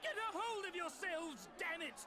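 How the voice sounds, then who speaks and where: Blustering game soldier, very high strained pitch, bright forceful tone, high-strung. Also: male voice, moderate pace, a faint crowd. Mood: angry, commanding. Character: blustering, high-strung military officer barking at his troops. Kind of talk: video game cutscene acting.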